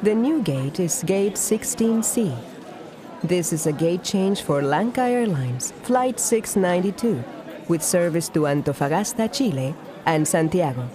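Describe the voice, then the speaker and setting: A woman making formal airport gate announcements in a clear, measured way. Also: lowish voice, lively intonation, a crowd in the background. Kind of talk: scripted announcement for a listening exercise.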